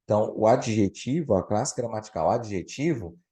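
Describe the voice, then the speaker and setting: A man's voice: lowish voice, lively intonation, moderate pace, warm tone. A male teacher gives a live grammar lesson to a student. He is patient and explains step by step, often checking whether she understands.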